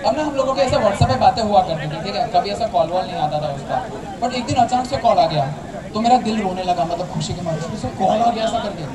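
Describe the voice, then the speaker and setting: Young male stand-up comic, high voice, animated storyteller, filmed far off in an echoey hall. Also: fairly quick. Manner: animated storytelling, acting out family members. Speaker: stand-up comedian. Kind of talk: live stand-up comedy. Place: large tented college hall with a seated crowd. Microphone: handheld mic, filmed from far back in the audience. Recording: distant echoey hall with crowd noise. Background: audience laughter and chatter.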